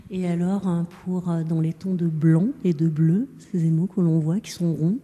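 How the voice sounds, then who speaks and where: A woman radio reporter with a husky voice, guiding an on-location interview in an echoey hallway. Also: on the low side, fairly even intonation, normal speed, mellow. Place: echoing indoor hall of a townhouse. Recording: echoey, resonant entrance hallway.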